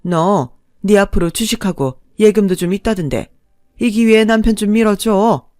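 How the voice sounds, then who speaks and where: A woman's voice: mid-range voice, moderate pace, warm tone, dry recording, clean studio sound, voice pushed up, natural voice. A woman voicing a domineering middle-aged mother-in-law, bossy and reproachful.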